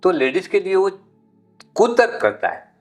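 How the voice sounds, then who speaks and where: A man speaking as a Jain monk guest in a podcast interview, teaching through long rambling anecdotes and climbing high in pitch when he stresses a point. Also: big pitch swings, moderate pace, soft background music.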